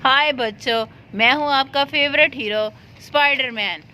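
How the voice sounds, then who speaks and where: A woman's voice: high voice, pushed and bright, a little hiss or hum. Spider-Man, boastful and sing-song, as a woman puts him on. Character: cheerful boastful male superhero Spider-Man.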